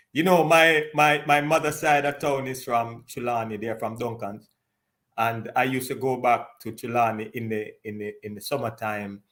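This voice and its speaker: Encouraging host, measured speech. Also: male voice, mid-range voice, flat delivery, a bit bright. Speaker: talk show host. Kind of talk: live online interview.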